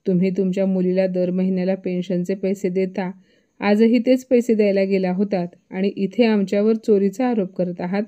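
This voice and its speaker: A woman's voice: medium pitch, steady tone, moderate pace, highs cut off, lightly acted. A woman doing an indignant young daughter-in-law. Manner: indignant, pleading.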